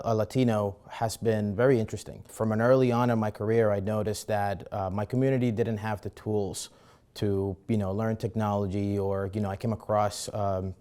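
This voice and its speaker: A man's voice: lowish voice, dark tone. A man from the Dominican Republic working in IT, speaking hesitantly with many fillers in an award testimonial. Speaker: IT professional.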